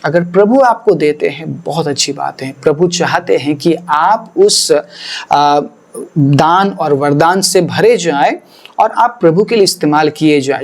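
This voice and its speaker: A man, a pastor, explaining his teaching earnestly in a podcast, slipping English phrases into his talk and repeating words for emphasis. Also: fairly high pitch.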